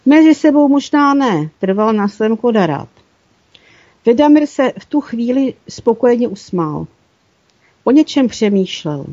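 A woman narrating a story aloud in a steady reading voice, now and then correcting small slips. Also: on the high side, dry recording. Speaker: audiobook narrator. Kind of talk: scripted narration. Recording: dull lo-fi dry recording.

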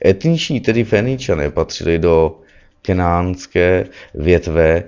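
A man's voice: sits low, a little mellow, clean tone. A man giving a spoken lecture, often correcting himself and adding tag questions as he goes. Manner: lecturing, with frequent self-corrections and "že ano" tags. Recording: dull lo-fi recording with faint music behind.

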